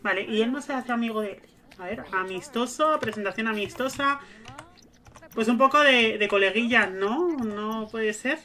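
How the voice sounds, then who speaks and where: This gaming streamer speaks at a moderate pace in a bright, forceful voice on the high side. Chatty and casual, she talks through every move she makes as she plays.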